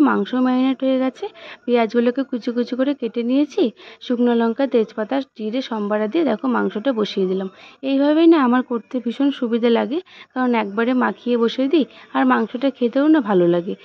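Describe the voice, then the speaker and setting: A young woman with a fairly high voice talks viewers through her cooking and chores in an easy, chatty way. She speaks from her home kitchen, and the recording sounds a little dull and lo-fi. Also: fast talker, vocal fry, no room sound. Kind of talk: casual chat to viewers.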